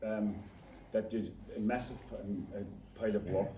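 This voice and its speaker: A man with a County Cork Irish accent speaks informally to a gathering, halting and repeating his words. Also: fairly low pitch, fairly even intonation, dark tone. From Ireland. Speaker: singer and traditional storyteller. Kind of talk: informal off-the-cuff speech to a gathering. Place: echoey indoor room before an audience. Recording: echoey room, distant mic, background noise.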